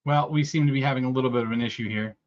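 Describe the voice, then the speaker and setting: A man's voice: mid-range voice, rapid-fire. Man sounding muffled, as if in a fishbowl. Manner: loose and chatty, with fillers. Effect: muffled sound, as if inside a fishbowl. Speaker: podcast co-host. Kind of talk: casual gaming podcast chat. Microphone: faulty headset or desk mic on a call. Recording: dull muffled lo-fi mic.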